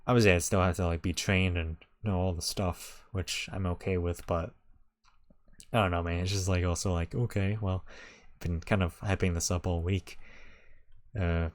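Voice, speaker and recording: A man's voice: low voice, fairly even intonation, moderate pace, no room sound. A young man talking casually and candidly to camera at home, in a rambling, hesitant way. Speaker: vlogger. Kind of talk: casual vlog talk.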